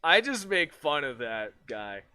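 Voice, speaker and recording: A man's voice: fairly high pitch, very animated, a little slow, pushed and bright, clean tone. A man streaming as a virtual streamer in casual chat, laughing often, swearing freely and rambling with restarts.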